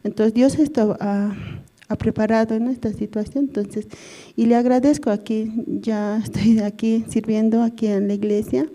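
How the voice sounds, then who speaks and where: A woman's voice: on the high side, steady tone, moderate pace, mellow. A middle-aged woman giving a rambling personal testimony at a prayer service, ending nearly every phrase with a questioning tag. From Bolivia. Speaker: church member giving testimony.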